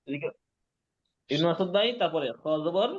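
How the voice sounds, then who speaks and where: A man teaching Quran reading in an online class, patiently spelling out syllables slowly and repeating each word. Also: a little high, highs cut off. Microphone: online class call mic.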